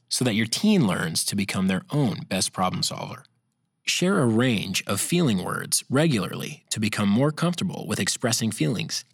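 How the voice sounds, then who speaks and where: Male voice-over, lowish and slightly breathy, dry close sound; steady scripted instructional read, calm and measured. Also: no echo. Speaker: narrator of a parenting guide.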